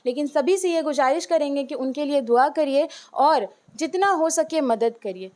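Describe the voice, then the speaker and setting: At a moderate pace, a school teacher with a high, darkish voice responds earnestly to interview questions. She is heartfelt, code-switches between Hindi and English, and says "uh" often.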